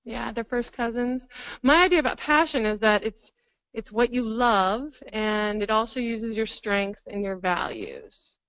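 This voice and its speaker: A woman's voice: fairly high pitch, animated, unhurried, fairly bright tone, clean tone, no echo, dull audio. A woman presenting a counseling workshop to a live room, thinking aloud and laughing often. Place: training room with live audience.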